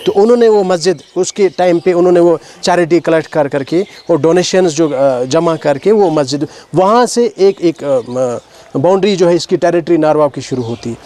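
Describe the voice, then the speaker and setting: A man's voice: fairly high pitch, warm tone. A man with a Kashmiri accent leading an outdoor heritage walk, explaining place names to schoolchildren and often asking them questions. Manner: explanatory, asks questions of the children, mixes in English words. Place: outdoors at a stone heritage site.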